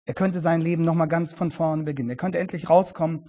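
High-voiced guy preaching, earnest and emphatic, repeats words to hit a point. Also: steady tone, fast talker, warm tone. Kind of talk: sermon.

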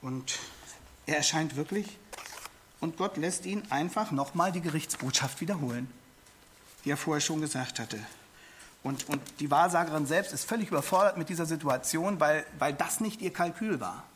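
A man's voice: fairly high pitch, moderate pace, a bit bright, a little hiss or hum. A man preaching a sermon, explaining a Bible passage and speaking directly to his listeners, often repeating words for emphasis. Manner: expository Bible teaching, addresses listeners directly.

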